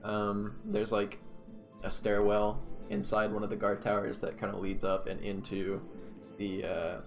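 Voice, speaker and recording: Man, game master, low voice, descriptive casual narration, halting improvisation, music behind. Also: monotone.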